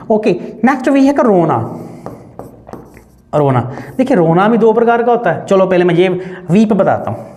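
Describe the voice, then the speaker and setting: A man's voice: sits high, a little mellow. Hindi-speaking man drilling English verbs. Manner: drills verb forms with repeated call-and-response questions; mixes Hindi with English words. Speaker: English teacher. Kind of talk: online spoken-English lesson.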